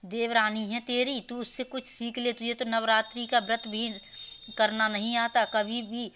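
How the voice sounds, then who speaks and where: A woman's voice: a little high, little pitch movement, measured pace, pushed and bright, muffled recording, slight background noise. A woman voicing a nagging older mother-in-law in a cartoon story, scolding as she talks. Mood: praising. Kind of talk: storybook voice acting.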